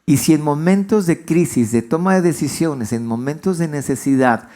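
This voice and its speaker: A man's voice: moderate pace, mellow. A male pastor, giving a conversational sermon and asking his congregation questions. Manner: conversational storytelling, asks the congregation questions, pitch swings widely. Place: church.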